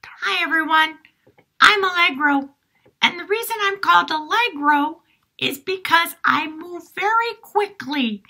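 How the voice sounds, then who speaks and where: A woman puts on a cheerful, fast-moving music character for a children's lesson. The voice sits very high and swoops around with a bright, clear tone. It talks in a bubbly, eager way. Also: lively intonation, exaggerated voice. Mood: cheery. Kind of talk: puppet-style music lesson.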